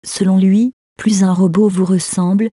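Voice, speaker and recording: A woman voicing a calm female AI voice assistant, speaking with a slightly robotic, synthetic-sounding voice and explaining things in a polite, measured way. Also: mid-range voice, breathy edge, dry recording, studio quality, natural voice. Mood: informative.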